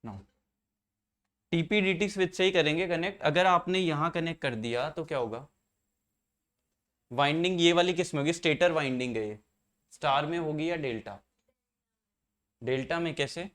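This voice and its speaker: With a voice on the high side and a fairly bright tone, a male engineering lecturer explains circuits one step at a time, questioning his students as he goes. He speaks at normal speed but leaves long pauses.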